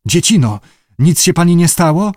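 A man's voice: fairly high pitch, big pitch swings, moderate pace, darkish tone, dry recording, studio quality, voice pushed up. A man voicing a wary ship captain in an audiobook, muttering his thoughts tersely. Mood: gentle concern.

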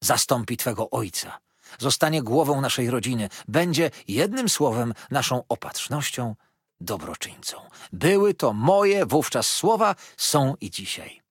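A man's voice: mid-range voice, big pitch swings, a little slow, slightly rough, no echo, studio quality, heavily acted. A man voicing a talkative, pushy old mother-in-law in an audiobook, gushing and insistent.

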